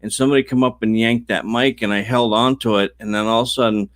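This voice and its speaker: A man's voice: medium pitch, steady tone, fast talker, a bit bright, no room sound. A man co-hosting a racetrack show in casual chat, teasing his partner with brief dry remarks. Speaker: racetrack co-host.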